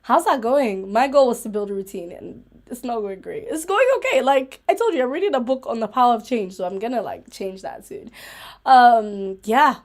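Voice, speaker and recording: A young woman hosting a casual solo live stream chat, rambling through tangents with lots of "like", giggling and getting excitable. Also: on the high side, moderate pace. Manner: rambling, full of "like", tangents and self-interruptions.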